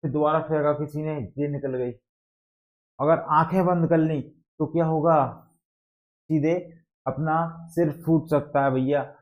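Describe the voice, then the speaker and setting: His voice is on the high side, and he speaks slowly in a steady tone. This male teacher walks through exam facts with memory aids, asking the class the same kinds of questions over and over, on a dull lo-fi recording.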